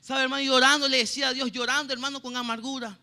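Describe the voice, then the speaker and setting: Preaching with a Venezuelan Spanish accent, this church pianist delivers a sermon and personal testimony in a very high, bright, forceful voice that barely moves in pitch. He goes rapid-fire and earnestly, pausing again and again to ask his listeners "¿sabe, hermano?"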